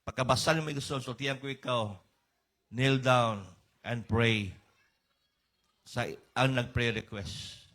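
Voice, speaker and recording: Slow Cebuano-accented male preacher. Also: steady tone, fairly bright tone. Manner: slow preaching, mixing English and Cebuano, rising to high emphatic peaks. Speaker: pastor. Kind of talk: sermon.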